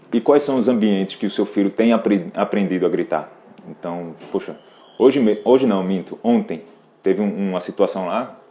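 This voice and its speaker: A man with a Brazilian Portuguese accent and a lowish, mellow voice hosts a live Q&A, patiently giving a parent practical parenting advice directly. The recording sounds muffled.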